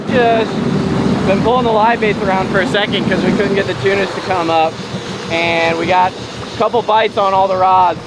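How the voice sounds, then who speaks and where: A man hosting a fishing show, talking casually to camera in an enthusiastic, exclamatory way out on a boat. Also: sits high. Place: outdoors on a boat at sea. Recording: very noisy outdoor boat, wind and motor.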